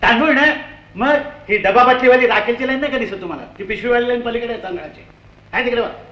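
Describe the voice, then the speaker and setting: A man's voice: very high-pitched, fast talker, bright, forceful tone, roomy sound, highs cut off, pitched above the performer's own voice. A man voicing an impatient male ration-shop clerk who barks short questions, in an old archive recording. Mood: curt.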